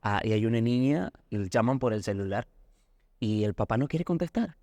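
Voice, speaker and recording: Colombian male pastor, mellow tone, earnest teaching, dry studio sound. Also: medium pitch, lively intonation, normal speed, no echo. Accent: Colombian Spanish. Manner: earnest teaching, acts out anecdotes. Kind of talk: Bible lesson discussion.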